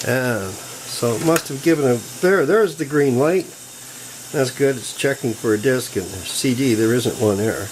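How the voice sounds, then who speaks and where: An older man narrating a hands-on computer repair in a casual, folksy, chatty way, with bursts of excitement. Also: medium pitch, normal speed, a little hiss or hum, rough recording. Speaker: PC repair hobbyist.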